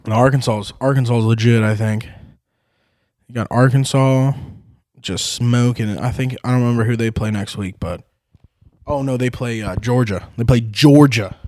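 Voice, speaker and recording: A man's voice: mid-range voice, normal speed, dry recording, clean studio sound. A man hosting a sports podcast, chatting casually about football picks with rowdy, profane outbursts. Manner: rowdy, swearing, excitable outbursts.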